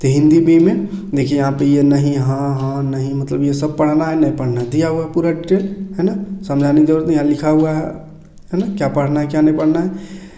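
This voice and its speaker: A man teaching a lesson, his voice set a little high but mellow and warm in tone. He takes each point in turn, stopping often to check that students are following. The recording has the noticeable echo of a bare room. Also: fairly even intonation, a little fast. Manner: explains item by item, repeats checks and tags. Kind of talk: casual screen-share lesson walkthrough. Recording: echoey room.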